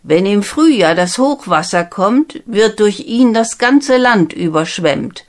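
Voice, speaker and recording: Eine Frau, die in einer Märchenlesung einen strengen, misstrauischen alten König spricht, langsam und nachdrücklich. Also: female voice, mid-range voice, lively intonation, takes it slowly, voice pushed up. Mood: stern. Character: stern old king, commanding and suspicious.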